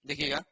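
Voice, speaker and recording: Bright high-voiced man teaching a class. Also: breathy edge. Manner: repetitive, with a constant rhetorical "है ना" and "ठीक है"; explains slowly while writing on a board. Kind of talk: online exam-prep lesson.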